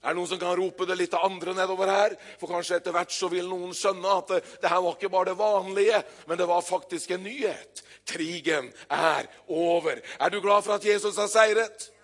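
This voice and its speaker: An older man delivers a church sermon in a notably high voice. He talks casually and hesitates often, then rises into loud, lively storytelling. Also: few pauses. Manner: lively storytelling preacher, builds to loud exclamations; conversational with frequent hesitations. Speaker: pastor.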